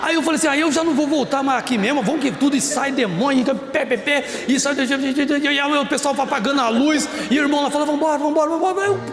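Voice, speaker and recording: A man preaches to young people in a high, bright voice, telling stories with animated bursts of shouting. His words ring through a roomy church hall with a long reverb. Faint music plays underneath. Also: quick pace, hardly any pauses. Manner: animated, breaks into shouts and acts out scenes. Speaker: preacher at a youth prayer group. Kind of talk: lively evangelical sermon with storytelling.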